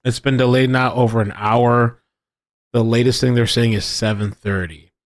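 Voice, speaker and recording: A man rambles through casual live commentary on his stream, restarting sentences as he thinks aloud and stopping to read viewer chat. His voice sits at a middling pitch and is recorded close and dry, with no room sound. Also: steady tone, moderate pace, no room sound. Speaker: livestream host.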